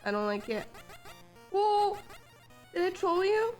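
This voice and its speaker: Style: gameplay commentary. Sex: woman. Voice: high, playful. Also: sing-song, takes it slowly, darkish tone, faint music behind. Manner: playful, chatty, sing-song. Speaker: streamer.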